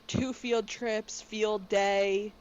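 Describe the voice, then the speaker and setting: A woman co-hosting a casual podcast chat from her bedroom, talking quickly and excitably. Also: mid-range voice. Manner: fast, excitable talker. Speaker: podcast co-host. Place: bedroom at home. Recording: dull lo-fi with faint noise.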